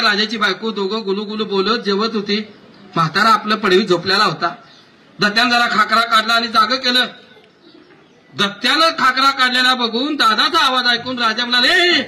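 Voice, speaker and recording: A man telling a comic folk tale to a live audience, talking to his listeners directly in a lively way. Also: extremely high pitch, normal speed, recorded from a distance. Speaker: storyteller.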